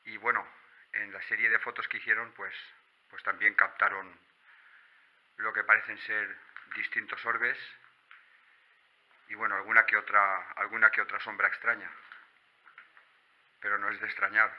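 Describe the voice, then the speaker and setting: A man from Spain, with a Spanish accent, talks in a lowish voice. He narrates a night exploration vlog on foot, hushed and halting, repeating words as he goes. The recording is muffled and dull. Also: level tone. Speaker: urban exploration vlogger. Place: on foot at night among abandoned rural buildings and woods.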